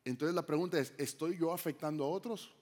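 Mexican pastor guy giving a sermon, kinda high voice, asks the crowd stuff a lot, long echo in the hall. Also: brisk, a little mellow. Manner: conversational preaching with rhetorical questions.

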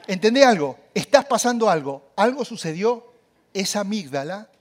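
A man preaching a sermon, speaking animatedly and addressing the audience directly. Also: high-pitched.

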